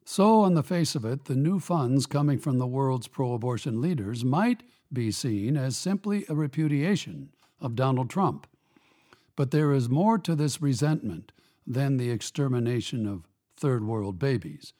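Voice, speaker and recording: A man hosting a radio commentary program, reading a scripted opinion piece in a measured, emphatic, pointed way. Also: medium pitch, expressive, mellow.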